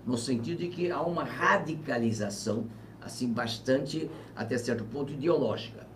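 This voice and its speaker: A man in his seventies, a former governor, talks through politics in an interview, reflective and measured with emphatic bursts. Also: mid-range voice. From Brazil. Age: 70s. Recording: distant mic with faint ambient noise.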